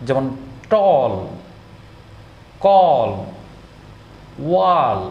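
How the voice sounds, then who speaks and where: A man teaching English pronunciation in a spoken lesson, drilling word lists slowly one by one. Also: a little high. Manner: slow, drawn-out word-by-word drilling. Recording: echoey room with faint background noise.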